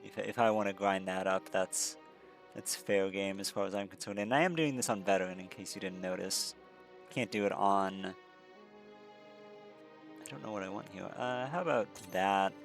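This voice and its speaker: Gravelly and low-pitched, a man's voice moves at a moderate pace as he talks through his own gameplay with faint music behind. His let's-play commentary is rambling and self-correcting, with frequent fillers and restarts.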